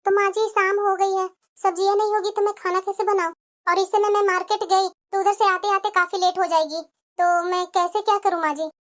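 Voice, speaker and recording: A woman's voice: extremely high pitch, little pitch movement, fairly quick. A woman voicing a meek pleading young daughter-in-law. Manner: pleading, soft-spoken.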